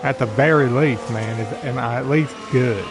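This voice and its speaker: Gravelly-voiced man casually streaming a game. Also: medium pitch, normal speed, background noise. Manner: rambling, easygoing, talks to a friend on a call. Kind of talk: casual live-stream chat.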